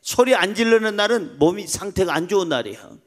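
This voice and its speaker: A man preaching a Sunday sermon as pastor, emphatic, swinging between loud calls and soft asides. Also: high voice, animated, fast. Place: church sanctuary.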